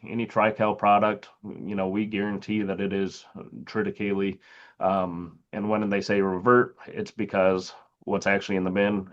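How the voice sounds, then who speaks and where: Speaking as a sales agronomist for a seed company, a man walks through slides on a video call and stumbles through many filler words. The sound quality is lo-fi, and his voice sits on the lower side.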